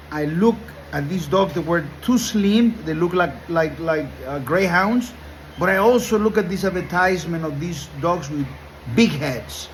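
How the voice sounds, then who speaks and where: A man's voice: fairly high pitch, slight background noise, rough recording. A middle-aged man, a dog breeder, talking earnestly to camera in a rambling monologue and repeating words as he searches for them. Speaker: pit bull breeder and educator.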